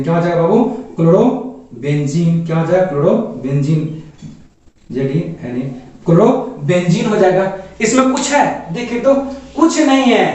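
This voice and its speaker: A man's voice: high voice, a little mellow. A man teaching a chemistry lesson at a board. He keeps asking the class questions and then answers them himself, and calls the students "babu". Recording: echoey room, voice from far off.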